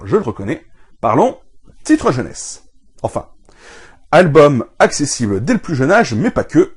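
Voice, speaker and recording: A man reviews comic books in a scripted show, his slightly husky voice rising and falling with lively, animated intonation. He sounds enthusiastic as he recommends titles to his viewers. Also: medium pitch.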